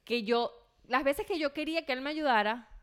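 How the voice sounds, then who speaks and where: A woman's voice: high voice, a little fast. A woman, hosting a casual podcast and acting out the lines she quotes. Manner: animated storytelling, acts out quoted lines. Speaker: podcast host.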